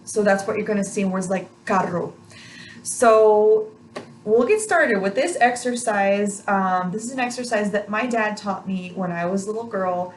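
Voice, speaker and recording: A woman's voice: mid-range voice, moderate pace, a little hiss or hum, poor audio. A woman giving an instructional pronunciation lesson on rolled R exercises, repeating practice sounds in an encouraging way. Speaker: language pronunciation teacher.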